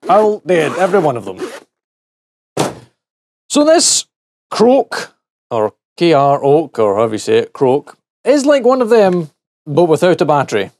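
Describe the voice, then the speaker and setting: A man's voice: fairly high pitch, huge pitch swings, moderate pace, long pauses, darkish tone, dry recording, studio quality. A middle-aged man chatting casually and jokily while testing and taking apart a gadget, talking to himself as he works. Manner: chatty and jokey, talks to himself while working. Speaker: gadget reviewer. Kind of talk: casual hands-on product teardown.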